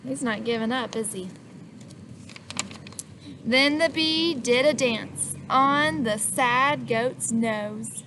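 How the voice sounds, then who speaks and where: Background hiss is noticeable as a woman reads a picture book to children. Her voice is high and unhurried, animated and lively, and she asks the listener questions while acting out the sneezes.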